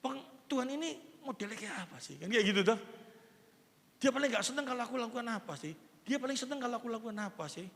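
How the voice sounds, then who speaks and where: A man, preaching a sermon as a pastor in a lively, conversational way with everyday examples. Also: extremely high pitch, fast, gravelly. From East Java, Indonesia. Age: 60s. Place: church hall. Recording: long reverb of a church hall.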